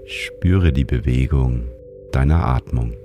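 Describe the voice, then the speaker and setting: A man narrates a guided sleep meditation in a soothing, calm manner, like a sleep-story narrator. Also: rumbling low, takes it slowly, music in the background. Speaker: meditation guide and show host.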